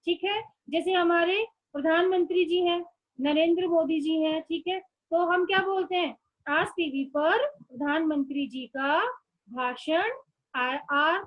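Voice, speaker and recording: A woman's voice: very high voice, a little slow, dull audio. A woman schoolteacher giving an online class lesson, speaking patiently and repeating words for young children.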